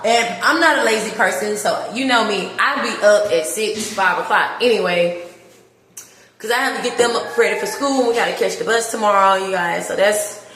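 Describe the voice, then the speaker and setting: A woman's voice: medium pitch, normal speed, fairly bright tone, slight background noise. A woman chatting on a livestream as she shows her new apartment, heartfelt and often laughing. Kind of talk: casual livestream chat. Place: empty apartment rooms. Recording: echoey empty rooms with long reverb.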